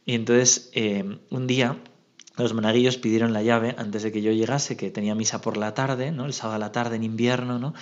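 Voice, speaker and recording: A man with a Spain Spanish accent preaches a homily in a lively storytelling way, with a pitch that sits in the middle. He keeps checking in with his listeners through a repeated "¿no?". The recording is dull and lo-fi. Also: brisk. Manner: lively storyteller, adds "¿no?" after nearly every phrase. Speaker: parish priest. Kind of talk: homily with anecdotes.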